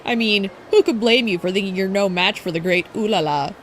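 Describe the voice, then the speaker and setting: A woman's voice: medium pitch, fairly quick, a little hiss or hum, lightly acted. A woman voicing a bratty, arrogant young female rival idol who talks in a haughty, taunting, boastful way.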